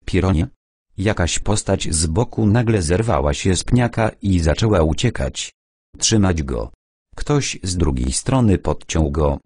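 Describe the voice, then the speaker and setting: A man reading a war novel aloud as an audiobook narrator, with dramatic, expressive delivery. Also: deep voice, dry recording, studio quality.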